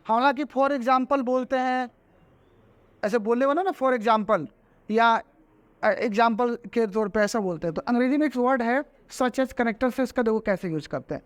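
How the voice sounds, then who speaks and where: A man's voice: very high voice, normal speed, no echo. A man teaching a grammar lesson. He repeats each example word by word and often checks whether the class has understood. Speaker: English teacher.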